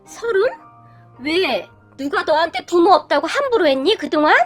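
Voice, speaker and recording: Fiery, outspoken mother-in-law, read by a woman with a high, lively voice. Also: moderate pace, soft background music. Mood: indignant. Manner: indignant, scolding.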